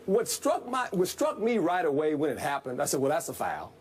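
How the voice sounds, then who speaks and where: A man, a former football coach, analyzing a game in a sports debate, folksy and animated, repeating himself. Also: a little high, fairly quick, a little hiss or hum.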